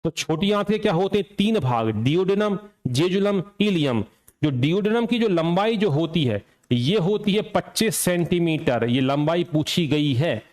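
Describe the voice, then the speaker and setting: Higher-voiced man teaching an exam lecture. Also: animated, unhurried, darkish tone. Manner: asks and answers his own questions; repeats key points for drilling.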